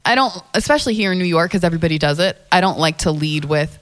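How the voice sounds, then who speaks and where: Low-voiced woman, thoughtful dating coach. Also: expressive, quick pace. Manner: thoughtful, repeats words, laughs often. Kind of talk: casual interview chat. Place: lives in New York.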